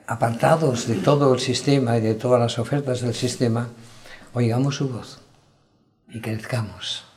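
A man's voice: medium pitch, a little mellow. A man preaching a sermon in an earnest, reflective way, often checking in with his listeners. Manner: earnest, reflective, frequent "¿verdad?" asides.

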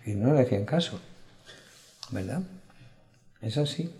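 A man's voice: mid-range voice, expressive, unhurried, dark tone. A man preaching a sermon in an earnest, reflective way, often checking in with his listeners. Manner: earnest, reflective, frequent "¿verdad?" asides.

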